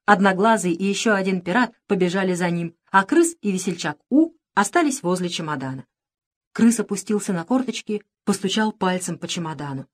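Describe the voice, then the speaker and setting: Woman narrator, children's audiobook, lively expressive delivery. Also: mid-range voice, brisk.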